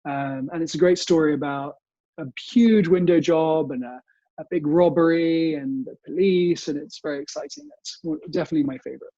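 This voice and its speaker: A young British man answers an interview politely from home, reminiscing about family in a conversational way. His voice is a little high and warm, brisk with fairly even intonation, and the lo-fi recording has no room sound.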